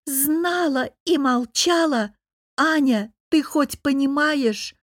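A woman's voice: slow, dry recording, studio quality. A woman voicing a heartbroken young wife who cries and wails as she speaks, in an audiobook. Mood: shrill. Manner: wailing, high and strained. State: crying.

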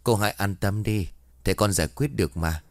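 A man's voice: fairly low pitch, brisk, no echo, close to an everyday voice. A man voicing a polite, deferential young male apprentice.

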